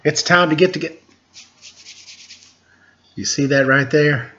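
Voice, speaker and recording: A middle-aged storytime host chats casually and reads picture books aloud to children, playful and full of jokes. His voice is on the high side and he takes things slowly. The lo-fi recording sounds dull and has background noise.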